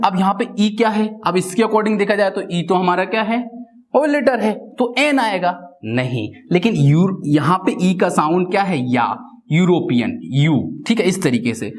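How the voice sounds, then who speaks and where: A man teaching English grammar in Hindi, asking himself rhetorical questions and answering them, with frequent "theek hai" fillers. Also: on the high side. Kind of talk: Hindi-language grammar lesson.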